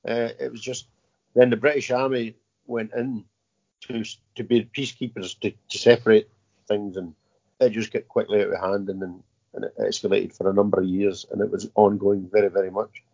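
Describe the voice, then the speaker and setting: Halting man, low voice, muffled. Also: little pitch movement, creaky, a little mellow, breathy edge. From Scotland. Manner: halting, repeats words, many "uh" fillers. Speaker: guest, army veteran. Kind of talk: casual interview. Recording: muffled lo-fi audio.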